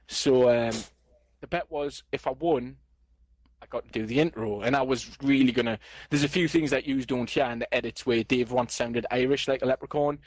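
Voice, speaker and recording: Joking podcast host, dry sound. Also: male voice, medium pitch, fairly even intonation, moderate pace, no echo. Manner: jokey, playful boasting. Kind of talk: casual podcast chat.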